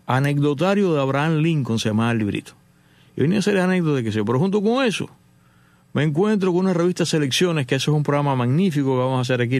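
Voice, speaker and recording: Middle-aged man from Cuba, hosts a talk show, gravelly voice, tells stories with animation in a dry, close sound. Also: medium pitch, dry recording. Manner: animated storyteller, acts out dialogue. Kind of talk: casual storytelling monologue.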